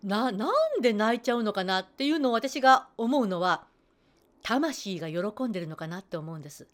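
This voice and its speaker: A woman's voice: mid-range voice, lively intonation, brisk. A woman voice trainer giving a chatty spoken self-help talk, acting out her students as she goes. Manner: chatty, acts out quoted students.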